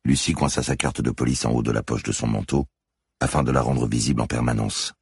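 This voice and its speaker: Man, audiobook narrator, measured dramatic reading, raspy, dry close sound. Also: rumbling low, fairly even intonation, no echo. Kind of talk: scripted narration.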